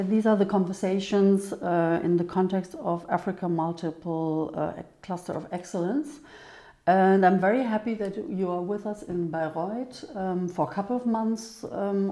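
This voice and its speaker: A woman hosting an interview, asking polite questions with gentle hesitations. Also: medium pitch, steady tone, moderate pace. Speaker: interview host. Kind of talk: interviewing a guest.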